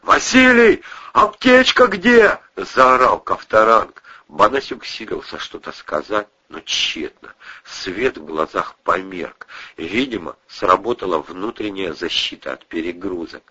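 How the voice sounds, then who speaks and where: A man's voice: deep voice, measured pace, sharp tone, breathy edge. A man narrating an audiobook expressively, doing voices for the characters, on a muffled lo-fi recording.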